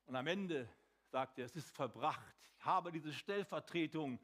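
A man preaching a sermon, dramatic and swinging between emphatic lines and hushed ones, slowing for emphasis. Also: on the high side, expressive.

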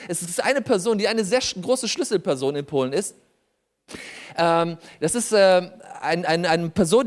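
A man, a pastor and lawyer, telling a lively anecdote in a sermon, laughing often. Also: high-pitched. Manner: animated anecdotal storytelling with laughter. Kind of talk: sermon storytelling.

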